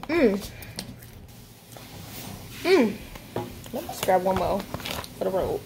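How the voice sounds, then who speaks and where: A woman's voice: medium pitch, takes it slowly, background noise. A woman vlogger with a mouth full of chips, chatting casually while trying snacks. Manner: chatty, relaxed, talks while chewing. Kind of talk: casual snack taste-test vlog.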